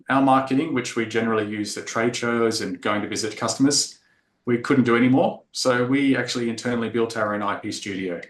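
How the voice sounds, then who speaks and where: A man from Australia giving a technical conference presentation, explaining with frequent fillers. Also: medium pitch. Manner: explanatory, filler-heavy delivery. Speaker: tech talk presenter. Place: conference room. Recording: echoey conference room.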